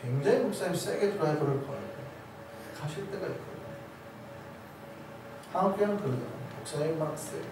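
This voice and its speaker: Male pastor, sermon; high, animated delivery with rhetorical questions; distant mic in a heavily reverberant sanctuary. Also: fairly quick, long pauses, noisy background. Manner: preaches with rhetorical questions to the congregation. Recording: very echoey hall, voice from a distance.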